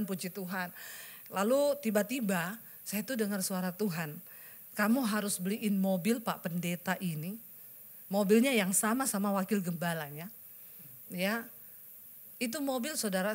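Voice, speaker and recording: High-voiced woman pastor preaching. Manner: lively storytelling, acting out quoted voices; asks the congregation rhetorical questions. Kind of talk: sermon.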